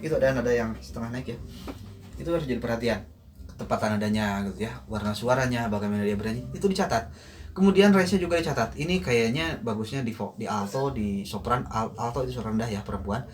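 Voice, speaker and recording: A man teaching choir in a relaxed online lesson, talking at a middle pitch and thinking aloud with plenty of fillers. Now and then he breaks into a few sung notes to demonstrate, over a faint hiss in the background. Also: quick pace. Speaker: choir coach.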